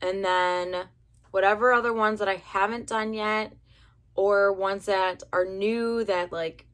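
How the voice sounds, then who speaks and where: A young adult woman from the United States with a raspy voice, rambling chattily through a casual hair color review. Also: medium pitch, fairly even intonation, takes it slowly. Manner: rambling, chatty, many fillers. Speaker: beauty vlogger.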